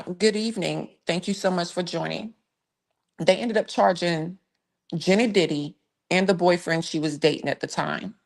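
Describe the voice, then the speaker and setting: A woman's voice: on the low side, gravelly. A woman hosting a live true crime stream, giving blunt, emphatic case commentary in a casual way and stopping to thank viewers. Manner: blunt, emphatic, conversational with sighs and restarts.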